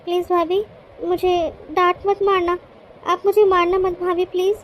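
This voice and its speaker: Woman voicing a timid, very high cartoon girl. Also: little pitch movement, normal speed, slight background noise. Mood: pleading. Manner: pleading, complaining to herself. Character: young female student, timid and obliging younger sister-in-law.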